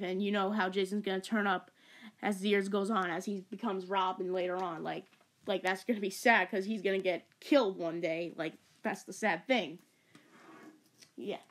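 A young woman talks through a movie review in a loose, rambling way, stacking fillers and tripping over her words in her excitement. Her voice sits at an ordinary middle pitch. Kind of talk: casual video review.

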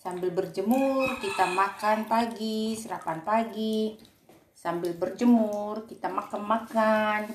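A woman's voice: mid-range voice, noisy background. A woman vlogging at home, talking casually while cooking and coaxing and scolding her dogs, sometimes imitating their barks. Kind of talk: casual home vlog talk.

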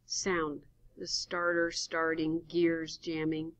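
A woman's voice: sits low, monotone, slow. Woman reading a radio play aloud. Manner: reads stage directions plainly. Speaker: reader. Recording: dull lo-fi recording.

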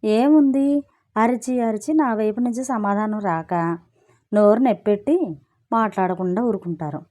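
A woman's voice: medium pitch, moderate pace, mellow, lightly acted. A woman reading a story and voicing a chatty married woman who complains breezily and justifies herself. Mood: complaining. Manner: breezy, gossipy, self-justifying.

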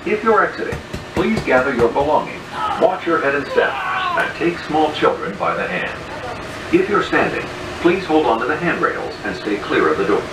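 A man giving a polite, measured, scripted train announcement, played over a cabin loudspeaker. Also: on the high side, huge pitch swings, far from the mic. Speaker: recorded monorail announcer. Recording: echoey noisy loudspeaker heard from afar.

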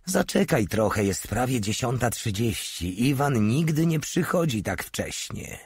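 A man's voice: mid-range voice, very animated, a little slow, slightly rough, dry recording, voice pushed up, full character voice. A man voicing a cynical, wisecracking male soldier who mocks and scoffs offhandedly. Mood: calm. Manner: mocking, offhand.

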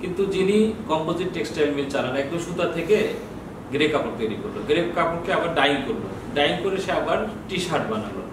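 A Bangladeshi customs bond official in his sixties gives informal training on procedures, frequently asking questions and answering them himself. His voice runs on the high side, fast, with lively intonation. He's in a small indoor office with bookshelves, recorded on a distant mic in a very echoey, noisy room.

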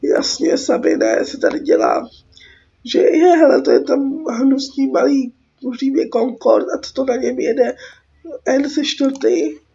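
With a high, creaky, dark voice and lively intonation, a young Czech-accented woman hosts a gaming video despite a cold. She rambles through sarcastic, slangy commentary, captured as dull lo-fi audio against game music.

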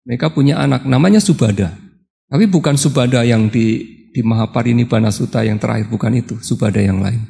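A man's voice: mid-range voice, quick pace, creaky, dark tone, long reverb tail. A man, a Buddhist monk, giving a dharma talk on retreat who tells a story, acts out the characters' lines and often laughs. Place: meditation hall on retreat.

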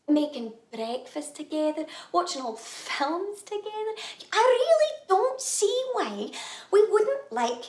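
An actress with a Scottish accent performing a dramatic monologue as a nervous young woman who proposes to her flatmate, talking in a hesitant, halting way with nervous laughs. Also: very high-pitched, echoey room, exaggerated voice. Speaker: actor.

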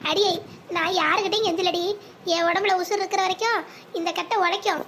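A woman voicing a devoted widowed mother in an animated family drama, tender and coaxing toward her daughter. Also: extremely high pitch, brisk, a little hiss or hum. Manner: tender, coaxing, calling endearments.

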